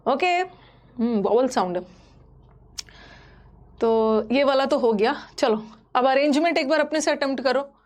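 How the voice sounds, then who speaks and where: High-pitched lady teacher explaining grammar, lively, repeats stuff a lot. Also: a little slow, long pauses. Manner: lively, mixes Hindi and English, repeats points. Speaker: English teacher.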